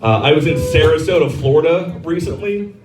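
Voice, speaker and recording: A brash man in his thirties working a stand-up crowd, with a crude, self-mocking delivery and a fairly high voice for a man. He is heard a little off the mic, and the club room rings around him. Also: brisk, a little mellow. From Texas. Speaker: stand-up comedian. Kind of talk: stand-up comedy set. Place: comedy club stage. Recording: roomy club sound from a distance.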